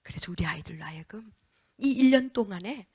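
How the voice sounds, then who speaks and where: An older woman, a pastor's wife, giving a lively church lecture to Sunday school teachers, asking the audience questions and dropping to a whisper for emphasis. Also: mid-range voice, fairly quick, slightly rough.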